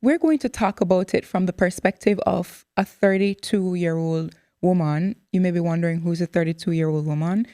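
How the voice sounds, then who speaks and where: Woman host, 30s, animated and expressive, dry close sound. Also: fairly low pitch, normal speed, dry recording. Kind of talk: candid interview chat.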